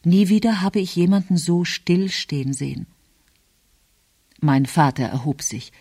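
A woman narrating a novel in calm, even storytelling. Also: fairly low pitch, measured pace, slightly rough, dry recording, clean studio sound. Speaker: audiobook narrator. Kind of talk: scripted narration.

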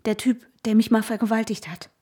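An actress playing an anxious young woman haunted by trauma, narrating her own story in the first person with an intense, breathy delivery. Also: on the high side, little pitch movement, fairly quick, dark tone, no room sound, studio quality. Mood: tense. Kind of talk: audio drama narration. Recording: music playing underneath.

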